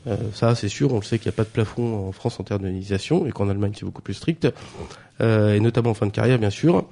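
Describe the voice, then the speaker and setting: A man's voice: fairly low pitch, fast talker, creaky, mellow. A man presenting a radio press review, hesitant, with many fillers and restarts. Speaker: news columnist.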